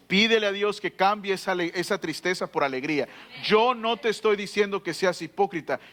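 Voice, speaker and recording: A man's voice: extremely high pitch, bright, forceful tone. A man preaching a sermon as pastor, emphatic and full of repeated rhetorical questions.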